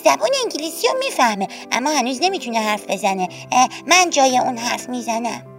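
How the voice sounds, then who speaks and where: A woman voicing a hyena mother disguised as a human woman, chattering in a high, chirpy voice. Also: big pitch swings, soft background music. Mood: explaining.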